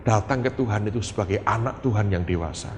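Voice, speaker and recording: A middle-aged male pastor, preaching in a lively, conversational way and often turning to the congregation. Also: lowish voice, fairly quick. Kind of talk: sermon with told prayers and anecdotes. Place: church hall. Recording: reverberant hall, faint room noise.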